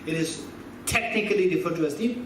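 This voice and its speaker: Man, fifties, teacher quizzing an audience, repeats key points, booming hall echo, distant mic. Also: lively intonation, fairly quick. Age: 50s. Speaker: Buddhist philosophy teacher. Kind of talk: teaching talk with audience questions. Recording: echoey hall from far off with background noise.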